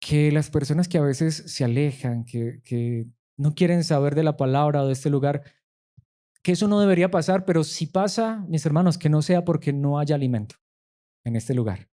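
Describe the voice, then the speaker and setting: Man pastor preaching, fairly high voice, dark mellow tone, emphatic questions. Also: normal speed. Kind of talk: sermon.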